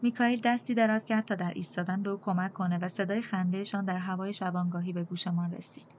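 A woman narrating a novel in the first person, with a calm and measured reading style. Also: medium pitch, a little hiss or hum. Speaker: audiobook narrator.

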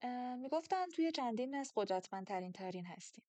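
A woman's voice: fairly high pitch, expressive, a little mellow, no room sound, voice pushed up, close to an everyday voice. A woman reading an audiobook, voicing a blunt, curious young woman who asks questions directly. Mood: wary, questioning.

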